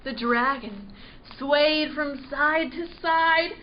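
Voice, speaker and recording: A woman librarian reads a picture book aloud for children, expressive and stopping to ask her listeners questions. Her voice is high and her pace unhurried. The recording sounds slightly dull, with a faint hiss underneath. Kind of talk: children's storytime read-aloud.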